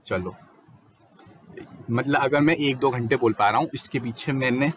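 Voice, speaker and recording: A young man giving a casual, fluent lecture as a teacher, explaining quickly and mixing in English terms. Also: mid-range voice, slight background noise.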